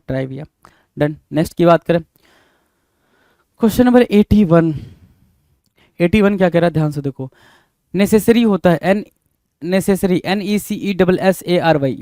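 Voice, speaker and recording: In a dry recording, a young man with a mellow voice on the high side runs a spelling lesson, sounding out words one letter at a time. He is repetitive and emphatic, drawing words out and often calling his listeners bhai.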